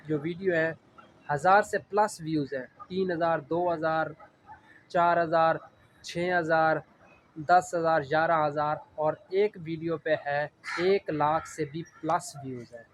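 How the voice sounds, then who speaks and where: Man from Punjab in Pakistan, vlogger, earnest rambling chat, a bit high-pitched, faint background hum. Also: rough recording. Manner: earnest, rambling, heavy use of the filler "jo hai". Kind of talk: casual talk to camera.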